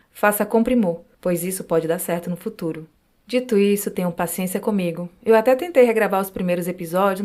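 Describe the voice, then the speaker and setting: A woman with a Brazilian Portuguese accent hosts a podcast, reading listeners' supernatural accounts in a calm, measured voice. Her pitch sits in the middle of the range. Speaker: podcast host and reader of listener stories. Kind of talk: narrating true supernatural stories.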